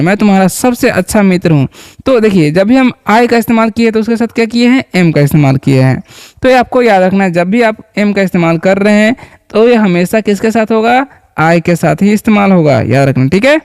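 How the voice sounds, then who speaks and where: High, smooth-voiced male English teacher. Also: darkish tone, no echo, clean studio sound. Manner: patient, repeats words and asks the viewer questions. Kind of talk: spoken English lesson in Hindi.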